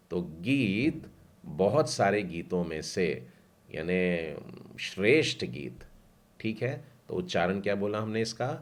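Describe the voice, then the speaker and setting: A man teaching a language class, patiently spelling out letters and syllables one by one before saying each whole word. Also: sits low.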